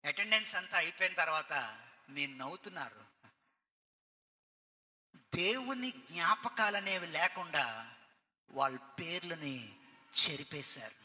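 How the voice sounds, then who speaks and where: Man, pastor, sermon, storytelling, calls on congregation, bright ringing tone, church reverb. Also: fairly high pitch, unhurried, pauses often. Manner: lively storytelling, questions to the congregation.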